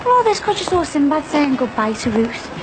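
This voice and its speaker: Placating young girlfriend, high voice, soap realism, noisy surroundings. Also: very animated, normal speed. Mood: coaxing. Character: placating, chatty young woman, a loyal girlfriend. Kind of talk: naturalistic TV soap drama. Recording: clearly noisy ambience.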